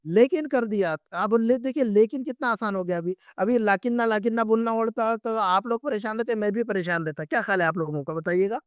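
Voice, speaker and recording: A man teaches an Arabic lesson online. His voice sits high and sounds smooth and clear, recorded dry and close. He goes patiently, repeating each point and checking in with his students. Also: few pauses, dry recording. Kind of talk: online class lecture.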